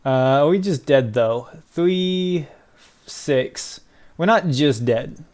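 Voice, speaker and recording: A young man giving excitable live commentary on his own card game match, muttering one moment and crying out the next. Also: fairly high pitch, slow. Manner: excitable, swings from mutters to loud cries and laughter. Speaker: gaming video creator.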